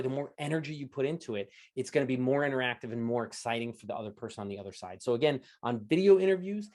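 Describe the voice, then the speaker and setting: A man giving an energetic online coaching talk, standing as he speaks and often checking in with "right?" and "okay?". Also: mid-range voice. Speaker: interview coach presenting a talk. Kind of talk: lively coaching talk to an audience. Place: indoors at home, standing while presenting.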